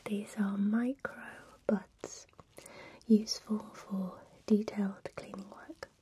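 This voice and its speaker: A woman speaking in a soft, breathy whisper, giving a calm ASMR tutorial as a spa technician. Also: mid-range voice, slow, a little hiss or hum.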